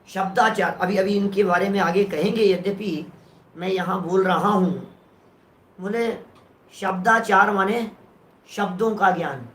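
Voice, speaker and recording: Man, scripture lecture, bright tone, explanatory, rhetorical questions, roomy echo. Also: very high-pitched. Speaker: scripture teacher.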